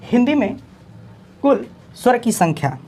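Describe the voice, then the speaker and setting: A man's voice: extremely high pitch, big pitch swings, unhurried, darkish tone, a little hiss or hum. Man drilling exam-prep lesson. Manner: repetitive drilling, reciting letters aloud, asks questions and answers them himself. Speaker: teacher.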